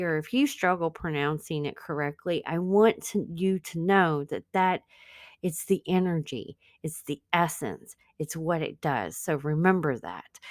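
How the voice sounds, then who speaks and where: In clean studio sound with no room sound, a woman with a fairly low pitch speaks directly to listeners. She is a podcast host and spiritual business coach whose first language isn't English, delivering an earnest, conversational, informal self-help spiritual teaching.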